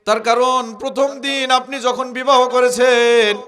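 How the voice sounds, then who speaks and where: High-pitched guy preaching a waz sermon, bogura accent, fiery, keeps throwing questions at the crowd. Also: little pitch movement, measured pace, faint music behind. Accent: Bogura Bengali. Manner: fiery, rhetorical questions, calls crowd to answer louder.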